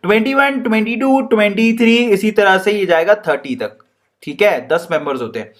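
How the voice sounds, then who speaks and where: A male chemistry teacher lectures in a playful, animated way and jokes as he teaches. His voice is fairly high for a man, and he slips English phrases into his talk. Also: normal speed. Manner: playful, jokey, laughs while teaching; animated, mixes Hindi and English. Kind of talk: classroom lecture.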